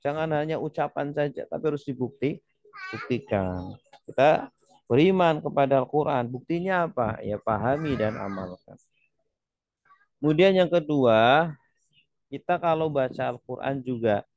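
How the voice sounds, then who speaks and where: A man's voice: on the high side, dry recording. A man teaching Quran reading in a webinar. He tags his points with "ya" and stretches out the Arabic words he recites as examples.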